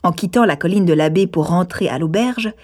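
An audiobook narrator with a lowish female voice reads a classic novel aloud, telling the story in a measured, even way.

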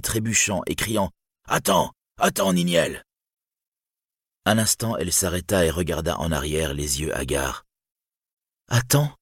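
Narrateur grave à la voix voilée. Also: male voice, very deep voice, husky, no echo, clean studio sound. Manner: solemn, measured storytelling. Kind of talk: audiobook reading.

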